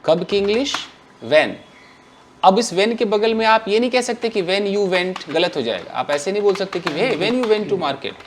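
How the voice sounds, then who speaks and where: A man teaching English grammar to a class, asking questions and answering them himself in an animated way. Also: sits high, moderate pace, a little hiss or hum.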